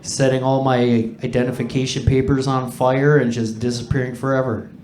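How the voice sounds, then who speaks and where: Guy doing standup in an echoey pub, sweary chatty dark jokes to the crowd. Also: mid-range voice. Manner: crude, profane, conversational delivery. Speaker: stand-up comedian. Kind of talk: stand-up comedy routine to a live audience. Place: indoor pub comedy stage. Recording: echoey live comedy room.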